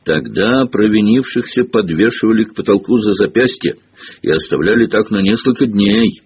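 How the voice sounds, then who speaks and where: A man voicing a spiteful old male school caretaker who talks in a slow, gloating, menacing way. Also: lowish voice, darkish tone, muffled recording, slight background noise, natural voice.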